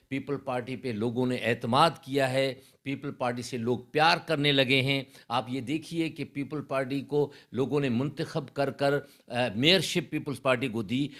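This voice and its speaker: A man's voice: on the high side, a bit bright. A man speaking as an election candidate in an interview, assured and persuasive. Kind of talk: interview answers.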